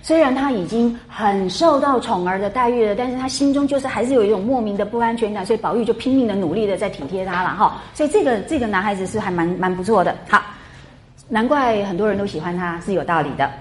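A woman lecturing a class on a classic novel, chatty and animated, full of rhetorical questions. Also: mid-range voice, fast, slight background noise. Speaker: literature lecturer. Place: classroom with students.

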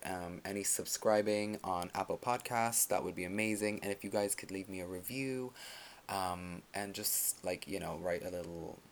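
A man hosting his own podcast in casual solo talk, soft-spoken and sassy, with many ums. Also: low-pitched, moderate pace, a little hiss or hum. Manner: sassy slang, calls listeners girl. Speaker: podcast host.

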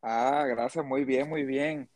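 A man's voice: mid-range voice, fairly even intonation, slow pace, a little mellow, a little hiss or hum. A man hosting a casual podcast interview, chatty and rambling with frequent restarts. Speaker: podcast host.

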